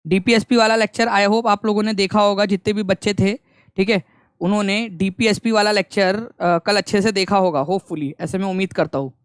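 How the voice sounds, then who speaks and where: A man's voice: high-pitched, steady tone, brisk, clear, resonant tone, no room sound. Young guy teaching an online exam class, chatty and repetitive, dry close sound. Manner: conversational, repeats key points, mixes English phrases. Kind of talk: online lecture.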